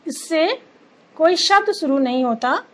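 A woman teacher giving an online grammar lesson to children, slowly listing examples word by word. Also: high-pitched, expressive, a bit bright, poor audio. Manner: slow, clear, listing examples one by one.

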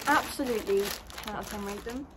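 A woman's voice: mid-range voice, fast, slight background noise. Chatty young woman vlogging. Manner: chatty, upbeat, rambling. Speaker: equestrian vlogger. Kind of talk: casual vlog chat. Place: stable yard, outdoors and in a horse lorry. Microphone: phone held at arm's length.

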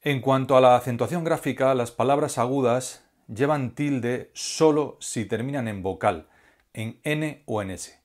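A man giving a scripted grammar lesson as a teacher, speaking slowly and deliberately and spelling out syllables one by one. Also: medium pitch, a little mellow. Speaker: language teacher.

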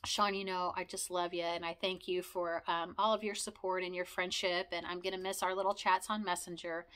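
A woman's voice: lowish voice, level tone, fairly quick, a bit bright. A woman vlogging in a chatty, rambling way, thanking old friends and recalling memories. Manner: chatty, rambling, with frequent fillers and laughs. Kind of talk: personal heartfelt vlog, talking to camera.

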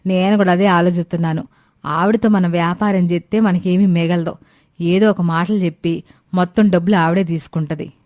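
A woman's voice: fairly low pitch, fairly even intonation, fairly quick, darkish tone, dry recording, close to an everyday voice. Woman doing a carefree young bride in a cartoon, chatty, dry close sound. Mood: eager. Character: young daughter-in-law, cheeky and carefree.

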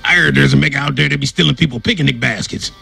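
A man's voice: medium pitch, fast, gravelly, sharp tone, slightly rough, faint music behind, exaggerated voice. A man voicing a cocky male college bear in a cartoon, a joking frat buddy with brash, slangy talk.

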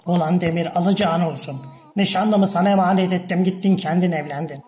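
A woman voicing a vengeful jilted young man who talks in a slow, heavy drawl. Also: fairly low pitch, steady tone, dark tone, a little hiss or hum, close to an everyday voice. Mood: brooding, vengeful.

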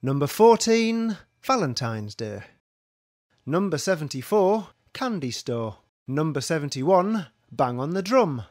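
A man's voice: a little high, sing-song, a little slow, darkish tone, dry recording, clean studio sound. A man calling bingo numbers, each one followed by its traditional rhyme in a sing-song manner. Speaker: bingo caller.

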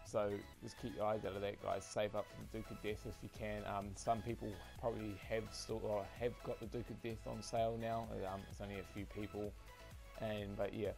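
Male gaming vlogger, low flat delivery, rambling and repetitive, faint music underneath. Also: fairly quick, creaky. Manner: rambling, repetitive, many fillers and restarts. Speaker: gaming channel host. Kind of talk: casual update vlog.

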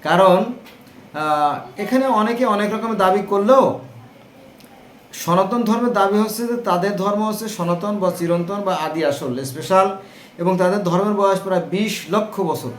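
A man's voice: sits high, normal speed, pauses often, roomy sound, a little hiss or hum. A man giving an informal religious talk to viewers, explaining term by term and asking rhetorical questions. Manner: explanatory, lists terms, asks rhetorical "right?". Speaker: religious speaker.

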